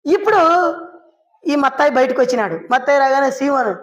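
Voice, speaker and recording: A woman preacher giving a storytelling sermon, lively and full of questions she answers herself. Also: high voice, a little fast. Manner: lively, asks and answers her own questions; acts out quoted people in short voices.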